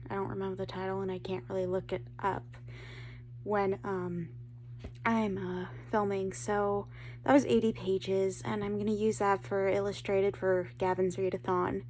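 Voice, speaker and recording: A woman book vlogger talking in a relaxed, lazy way while lying down, casually chatting. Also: mid-range voice, measured pace, a little hiss or hum. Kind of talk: casual vlog chat.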